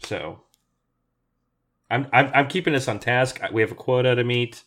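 A man's voice: mid-range voice, normal speed, heavy background noise. A man co-hosting a podcast, joking and laughing through a casual recap of a cartoon episode. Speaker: podcast co-host.

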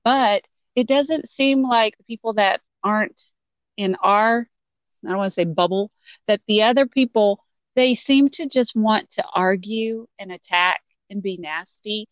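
A woman's voice: mid-range voice, unhurried, no echo, muffled recording. A woman with a Southern Texan accent, a guest on a podcast, chatting in an easygoing way and laughing often. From Texas. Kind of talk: casual podcast chat.

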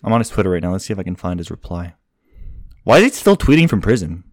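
A man's voice: deep voice, sing-song, fast, darkish tone, no echo. A young man co-hosting a casual podcast chat, rambling, swearing often and laughing. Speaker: podcast co-host.

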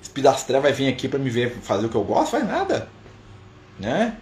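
A man's voice: medium pitch, wildly swooping pitch, quick pace, darkish tone. A Brazilian man leading an informal live spiritist study, talking conversationally with rhetorical questions and frequent tag questions. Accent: Brazilian Portuguese. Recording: echoey room with faint noise.

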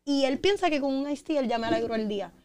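A woman's voice: high-pitched, fast talker, smooth, no echo. Blunt, profane woman. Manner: blunt, profane, animated, mixes English into Spanish. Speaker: podcast guest. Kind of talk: casual podcast chat.

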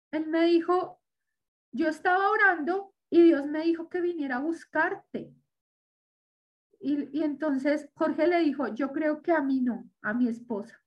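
Speaking in a high voice over lo-fi sound, a woman gives a personal religious testimony as an interview guest. She tells her story and acts out what people said to her.

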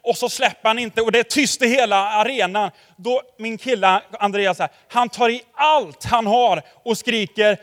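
Male preacher, high-pitched, talks to the congregation like a friend, church-hall echo. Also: hardly any pauses, fairly bright tone. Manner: chatty, with constant tag questions to the congregation; anecdotal storytelling, addressing the audience directly. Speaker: pastor. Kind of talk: conversational sermon.

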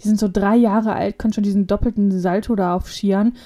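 Animated and chatty, a young female podcast co-host spins stories and performs the quotes of the people in them. Her pitch is medium and her pace fairly quick, with background noise present.

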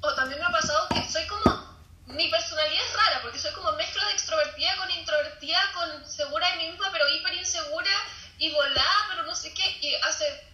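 Bright high-voiced Chilean young woman. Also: a little fast, reverberant, slight background noise, rough recording. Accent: Chilean Spanish. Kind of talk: casual chat.

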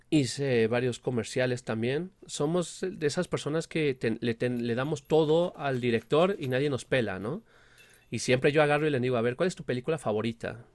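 A man's voice: medium pitch, dry recording. A man with a Mexican accent and a speech impediment on the R sound, chatting casually as an interview guest and explaining things with frequent check-in tags. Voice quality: speech impediment, cannot pronounce the R sound properly. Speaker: guest, film producer and director.

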